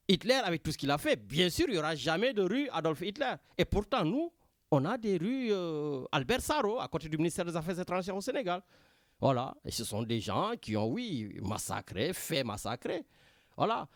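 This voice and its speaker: A man's voice: on the high side, no echo. A man with a Senegalese French accent hosting a talk radio show from a studio, talking animatedly and often turning to his co-host by name. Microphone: studio microphone.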